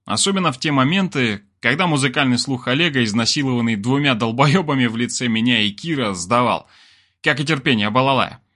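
A man narrating a story in an expressive style, full of crude slang. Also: mid-range voice, a little fast.

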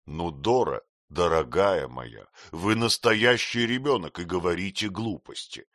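Man doing a soft earnest young hubby, low voice, gentle reasoning tone, dry. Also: animated, a little slow, dry recording. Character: young husband, patient and earnest.

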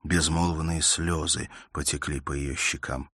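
A man narrates a classic novel in a measured storytelling voice. His tone is very low and husky. The sound is dry and close. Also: steady tone, a bit bright, no echo. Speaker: audiobook narrator. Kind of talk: scripted literary narration.

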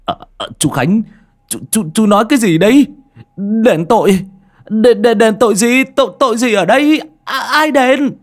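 A man's voice: high-pitched, expressive, racing, few pauses, dark tone, voice pushed up. A man voicing a trembling old village man who stammers in panic in an audio story. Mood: panicked.

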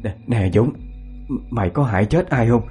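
A man's voice: medium pitch, expressive, normal speed, mellow, soft background music, natural voice. A man voicing a middle-aged mother who scolds her son sharply, in a spoken ghost story. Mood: scolding.

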